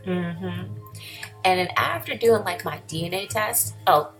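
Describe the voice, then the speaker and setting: A woman's voice: on the low side, lively intonation, unhurried, a bit bright, soft background music, rough recording. A woman vlogging in a casual, enthusiastic way, rambling with lots of fillers. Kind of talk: casual vlog commentary.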